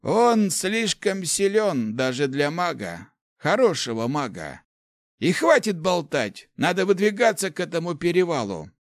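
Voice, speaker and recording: A man's voice: fairly high pitch, sing-song, unhurried, dry recording, clean studio sound, voice pushed up. A man voicing a grumpy, gloomy old male mage who grumbles his lines in an audiobook. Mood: grumbling. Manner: grumbling, growling. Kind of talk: audiobook character voice.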